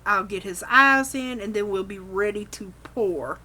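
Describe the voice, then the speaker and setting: A woman's voice: mid-range voice, measured pace, bright, forceful tone. A woman giving a casual, folksy craft demonstration, chatting to herself as she works, with machine noise behind her. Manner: folksy, informal, talks to herself while working. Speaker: craft tutorial host. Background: running machine, vacuum pump.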